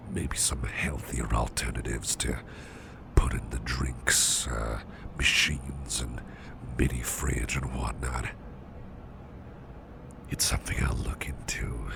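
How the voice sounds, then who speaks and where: In a soft ASMR roleplay, a man plays a protective, gentle boss fussing over an exhausted employee, giving close personal attention in a very deep, gravelly half-whisper. His heavily acted delivery is caring and advising, full of hesitant, repeated phrases meant to reassure. It's recorded close up with loud background noise.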